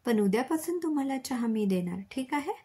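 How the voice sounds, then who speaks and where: A woman voicing a caring middle-aged mother and wife in a storybook reading, with a breathy voice. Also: sits high, lively intonation, a little fast, mellow, voice pushed up. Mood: coaxing.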